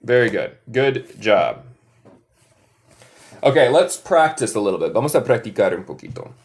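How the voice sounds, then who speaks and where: A man with a Northern US accent teaches a live online language lesson, switching between Spanish and English. He speaks slowly and deliberately, repeating each example sentence. His voice sits at a mid pitch, and he stops to thank viewers by name. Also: sing-song. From Michigan, United States.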